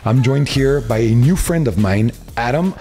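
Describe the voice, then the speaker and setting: A man's voice: medium pitch, expressive, moderate pace, dark tone, faint music behind. A man hosting a casual podcast interview, upbeat and blunt in his questions. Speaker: podcast host.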